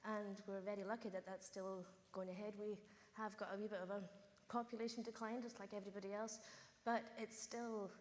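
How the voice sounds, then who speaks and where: A young woman with a Hebridean Scottish accent speaks unscripted on a panel. Her voice sits at an ordinary pitch and carries through a reverberant hall, with clear ambient noise behind it. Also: flat delivery, a little fast. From Outer Hebrides, Scotland. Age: young adult. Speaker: rural youth panellist. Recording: echoey hall, noticeable room noise.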